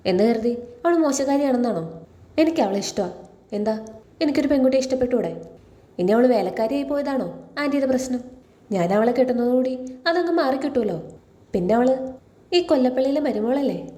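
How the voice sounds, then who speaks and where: A woman's voice: high voice, lively intonation, brisk, long pauses, warm tone, roomy sound. A woman reading a stubborn young lover. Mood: defiant. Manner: defiant, sulking protests. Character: young man in love, stubborn and earnest.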